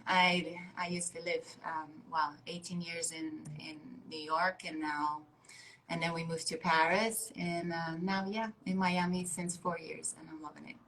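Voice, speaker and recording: A middle-aged woman from Belgium, a guest speaking in a slow, unhurried way on a video call. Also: fairly low pitch, flat delivery, fairly bright tone, slight background noise, rough recording. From Belgium, Flemish part. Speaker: guest, former model. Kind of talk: casual interview chat. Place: video call, joined remotely.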